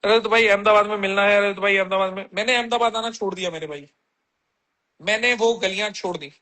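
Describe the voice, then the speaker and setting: Bright high-voiced blunt man. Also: fairly even intonation, fairly quick. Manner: blunt, slangy, reads comments aloud then answers. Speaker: live streamer answering viewer comments. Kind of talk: casual livestream chat.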